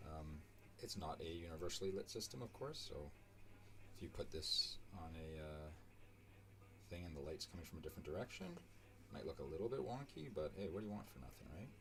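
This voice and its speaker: A man's voice: sits low, lively intonation, fairly quick. A man giving casual, rambling commentary into a desk microphone while he draws digital art on a live stream. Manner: rambling, chatty and self-deprecating. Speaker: digital artist streaming his work. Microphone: desk microphone with a level meter.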